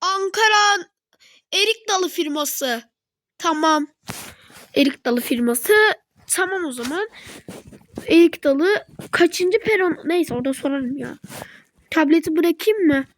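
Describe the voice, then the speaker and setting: Whiny high-voiced woman narrating a game role-play. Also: lively intonation, unhurried, pauses often, no echo. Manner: whiny, complaining, sighing; talks to herself about chores.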